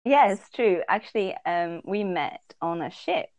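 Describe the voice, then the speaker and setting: A woman's voice: on the low side, lively intonation, measured pace, a little mellow, dry recording. A woman from the Netherlands chats casually as a podcast co-host. She laughs often and thinks aloud, with plenty of ums along the way. Her voice sits close and dry, with no room sound around it. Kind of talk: casual chat.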